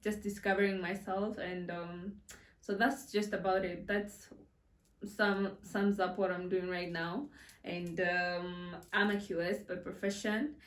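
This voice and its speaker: A woman's voice: fairly low pitch, level tone, measured pace. A woman, telling stories in a casual storytime vlog, chatty and giggly with many fillers. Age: 20s. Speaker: content creator. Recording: roomy echo, a bit far from the mic.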